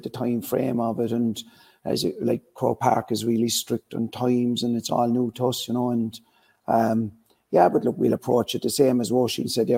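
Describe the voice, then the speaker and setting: A man's voice: mid-range voice, gravelly, mellow, breathy edge. A man with a west of Ireland Kerry accent, giving a casual sports interview as a team manager, conversational and peppered with "you know" and "look". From County Kerry, Ireland.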